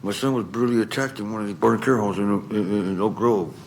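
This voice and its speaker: A man's voice: lowish voice, fast talker, slight background noise, poor audio. A middle-aged man giving unscripted personal testimony as a commenter at a public meeting. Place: council chamber at public microphone.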